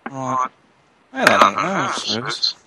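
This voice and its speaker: A man's voice: mid-range voice, sing-song, slow pace, recorded from a distance, voice pushed up. A man putting on an exaggerated posh British accent, talking primly while gaming. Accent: put-on posh British. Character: posh, exaggerated young Englishman. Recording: loud background noise.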